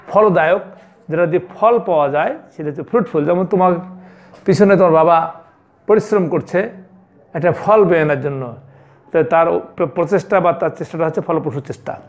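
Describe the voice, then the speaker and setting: A male school teacher giving an online English lesson to young children, explaining word meanings step by step and repeating each answer slowly. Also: a little high, creaky, a little mellow, lo-fi sound.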